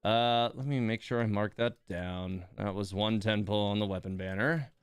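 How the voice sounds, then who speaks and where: Playing a gacha game on stream at his home computer, a gaming channel host chats casually while grumbling, sounding exasperated and self-deprecating. His lowish voice is smooth and steady at a moderate pace, captured in studio quality with no room sound.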